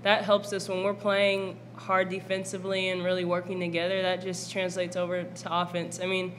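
A young woman basketball player answering questions at a post-game press conference, calm and measured, into a table mic. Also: on the low side, slight background noise. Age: young adult. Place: press conference room with backdrop.

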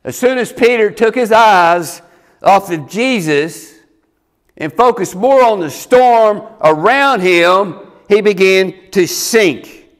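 A male pastor preaching a sermon, animated and acting out the scripture story. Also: high voice, takes it slowly.

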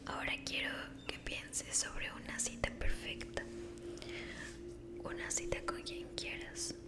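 A woman in a whispered role-play, guiding the listener in a soothing, encouraging ASMR manner with affectionate, caring wording. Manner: soothing, encouraging, slow, uses affectionate diminutives.

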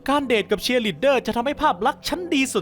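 An actor voicing a smug, teasing nerdy teenage boy in an animated story dub. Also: very high-pitched, faint music behind. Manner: smug, teasing, quick-talking. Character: nerdy teen boy blackmailing a cheerleader, smug.

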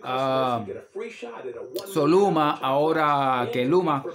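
A man's voice: mid-range voice, drawn-out words, a crowd in the background. A man ranting off the cuff, heated and profane, repeating himself. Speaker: vlogger. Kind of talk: off-the-cuff rant.

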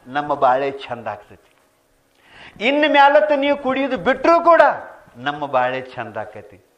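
Male preacher doing a high, pleading wife, slow and earnest, dull lo-fi sound. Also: fairly bright tone, heavily acted. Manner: high-pitched, emphatic and coaxing. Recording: dull lo-fi recording.

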